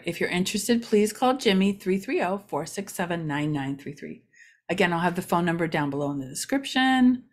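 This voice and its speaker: Midwestern woman host, middle-aged, rambling and chatty, mid-pitched voice, local news vlog. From Ohio, USA. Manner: chatty, rambling, joking asides.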